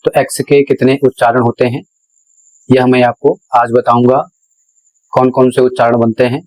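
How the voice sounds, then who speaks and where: A man's voice: mid-range voice, flat delivery, normal speed, a little mellow, poor audio. A man giving a pronunciation lesson, spelling out words letter by letter and explaining each one. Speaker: English teacher.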